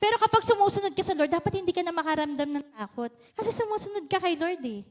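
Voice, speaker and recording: A woman's voice: extremely high pitch, expressive, fast. A woman pastor with a Filipino accent, giving a sermon in a chatty, playful style and teasing the congregation. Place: church service.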